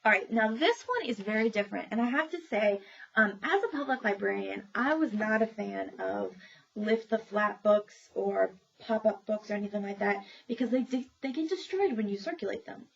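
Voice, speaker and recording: A woman's voice: mid-range voice, expressive, moderate pace, gravelly, fairly bright tone. A woman public librarian casually reviewing children's books, chatty and informal with many fillers and frequent laughs. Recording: dull lo-fi recording with faint noise.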